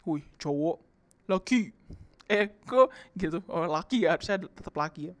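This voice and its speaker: A woman reviewing a headset speaks through its voice-changer preset, which turns her voice into a deeper monster or male voice. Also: lively intonation, normal speed. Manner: casual, amused, commenting on her own changed voice. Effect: voice changer preset making her voice deeper, like a monster or a man. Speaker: product reviewer. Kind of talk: casual product review, testing a headset mic.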